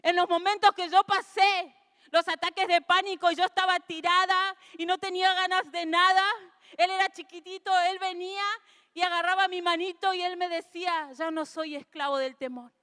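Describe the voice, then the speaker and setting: A woman pastor, preaching an earnest sermon that builds into emotional, tearful shouting. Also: extremely high pitch, steady tone, moderate pace. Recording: long hall reverb.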